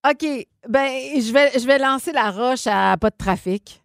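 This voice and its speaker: A woman's voice: on the high side, unhurried, no echo, clean studio sound. A woman with a Quebec French accent co-hosting a podcast, chatting and laughing easily. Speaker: podcast co-host. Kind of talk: casual podcast banter.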